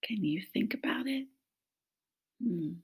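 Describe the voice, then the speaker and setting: With a laptop mic set at arm's length in a small home room, a woman in her fifties reads a picture book to small children, inviting them to answer questions. Her medium-pitched voice has a darkish, slightly rough tone, and she reads slowly but animatedly.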